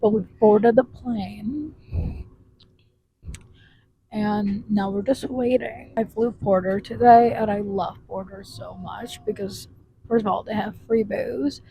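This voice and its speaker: A young woman vlogging to camera in a casual, chatty, expressive and informal way. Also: mid-range voice, low-quality recording. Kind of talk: casual vlog chat to camera. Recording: clear background noise, travel ambience.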